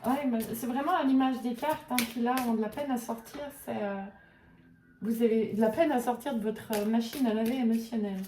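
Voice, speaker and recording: A woman with a higher, mellow voice talks through an intuitive oracle card reading, often pausing to search for the right words. Her voice sits a little back from the mic in a roomy space with noticeable echo. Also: distant mic, slight background noise. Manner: hesitant, searching for words with many fillers. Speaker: tarot and oracle card reader.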